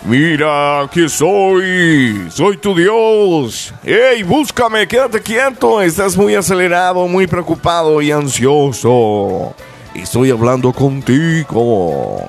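A man putting on the voice of God as a calm, gentle, fatherly figure who speaks slowly and soothingly. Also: on the high side, faint music behind, voice pushed up. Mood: booming, solemn. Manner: soothing, slow, reassuring.

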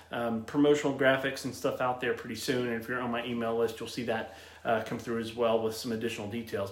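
A man's voice: medium pitch, roomy sound. A man in his late thirties, a travel agent hosting a casual solo show, chatty and upbeat with many fillers and restarts. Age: 30s. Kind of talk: casual solo livestream talk.

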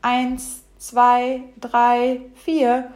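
A playful young dog bounces along in a raised, eager voice, put on by a woman reading the story. He is excitable and good-natured. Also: on the high side, normal speed, close to an everyday voice.

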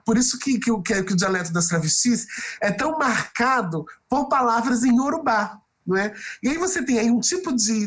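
A woman's voice: on the high side, breathy edge. A woman, a writer and researcher answering interview questions thoughtfully and often ending with tag questions. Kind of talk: reflective podcast interview answer.

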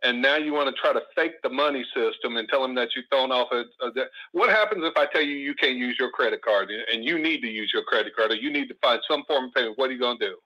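A man's voice: medium pitch, fast talker, hardly any pauses, pushed and bright. A man calling in over the phone to a talk radio show, arguing bluntly with rhetorical questions. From Oakland, California. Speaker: caller. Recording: muffled phone line.

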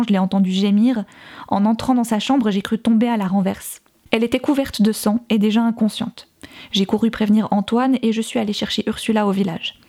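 A woman's voice: mid-range voice, mellow, close to an everyday voice. A woman reading the lines of an exasperated young woman who confronts a rival with cutting rhetorical questions, in an audiobook. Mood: grave.

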